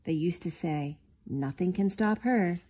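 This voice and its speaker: A woman reading a picture book aloud, giving the characters lively, expressive voices. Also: on the low side, unhurried, husky. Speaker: storybook reader.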